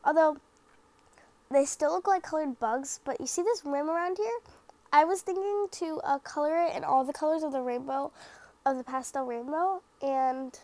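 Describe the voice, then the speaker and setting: A young woman with a high, somewhat dark-toned voice narrates her craft video at a normal pace, rambling loosely. Slightly stuffy from the sniffles, she keeps second-guessing her work and peppers her speech with "like," "um," and other fillers.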